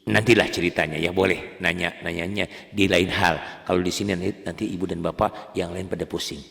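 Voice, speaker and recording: A low, gravelly male voice tinged talks beginners through Quran reading in a chatty, self-deprecating way. He repeats over and over to drill them. A long reverb trails after his voice. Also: steady tone, a little fast, fairly bright tone. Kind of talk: casual lesson.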